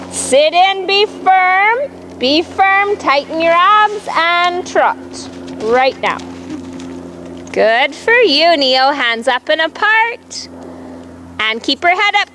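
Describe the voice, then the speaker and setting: A woman riding instructor projecting brisk commands across an arena, firm and encouraging, often repeating short instructions. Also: very high voice, a bit bright, slight background noise.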